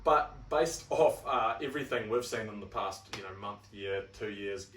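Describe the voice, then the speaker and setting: A young podcast co-host with a New Zealand accent speaks at normal speed in a lowish, fairly bright voice, with slight background noise. In a casual, chatty and wry manner, he reads points aloud and picks them apart. The room sounds roomy and the mic is at a distance.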